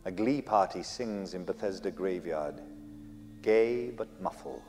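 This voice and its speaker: A man narrating a radio play in a lyrical, measured way. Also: deep voice, darkish tone. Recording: long hall reverb with faint music.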